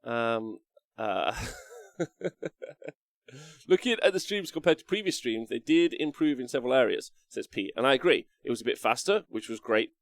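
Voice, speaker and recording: A man with a mid-range voice hosts a casual livestream, recorded very dry. He rambles between reading viewer messages and giving his own takes, slipping into animated mimicry as he tells a story. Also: mid-range voice, moderate pace, pauses often, no echo. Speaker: streamer host reading and answering live chat. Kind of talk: casual livestream chat about tabletop wargaming.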